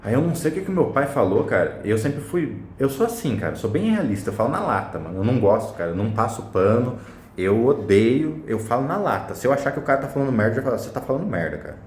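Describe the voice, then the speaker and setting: A man's voice: medium pitch, sing-song, fast talker, a little mellow, slight background noise. A young man telling a personal story to camera in a casual, blunt way, full of slang and swearing. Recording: roomy echo.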